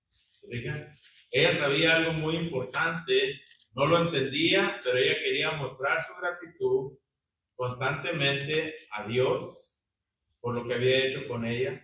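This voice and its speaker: His bright, somewhat high voice carries a forceful tone as he teaches a Bible study, reading passages aloud and putting questions to the group. Frequent tag questions keep it conversational, while the distant, echoey recording has a little hiss or hum.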